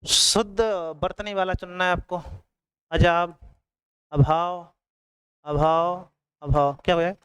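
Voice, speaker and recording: Guy teaching a coaching class, very clear voice, kinda high, dry close sound, keeps repeating words and checking in. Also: level tone, slow pace, long pauses, fairly bright tone, no room sound, poor audio. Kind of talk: exam coaching lesson.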